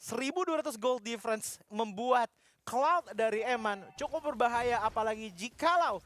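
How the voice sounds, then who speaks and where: A man's voice: very high voice, animated, normal speed, a bit bright. A man with an Indonesian accent giving fluent, detailed esports commentary and explaining the state of play. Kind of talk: game commentary and analysis.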